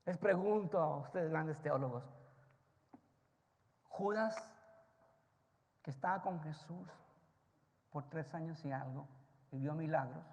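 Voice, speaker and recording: High, gravelly preaching man in a reverberant church. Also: slow, pauses often. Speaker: pastor. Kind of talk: sermon. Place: church sanctuary. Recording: long church-hall reverb.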